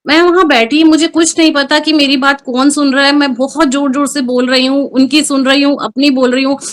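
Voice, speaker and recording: A middle-aged woman with a high voice tells her own story in an interview. She speaks earnestly and with feeling, dropping English words into her sentences as she goes. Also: flat delivery, a little fast. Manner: emotional, earnest storytelling with Hindi-English mixing. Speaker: guest. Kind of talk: personal testimony interview.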